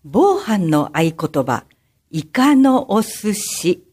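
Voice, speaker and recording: A woman in a crime-prevention troupe slowly explaining a safety slogan for children on a radio show. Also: medium pitch, big pitch swings, darkish tone, breathy edge, soft background music. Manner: slow, deliberate teaching.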